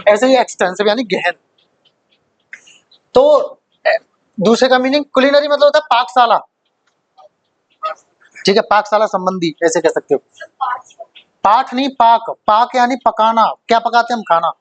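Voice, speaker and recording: A man's voice: very high voice, expressive, normal speed, long pauses, no room sound. A male teacher giving a vocabulary lesson, who asks questions and then answers them himself, repeating the key words for emphasis.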